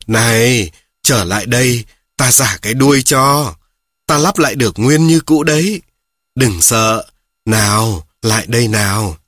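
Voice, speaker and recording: A man's voice: mid-range voice, lively intonation, a little slow, fairly bright tone, dry recording, studio quality. A man voicing a crippled, cunning male tiger who sweetly coaxes a quail back to him. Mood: wheedling. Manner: wheedling, sly coaxing.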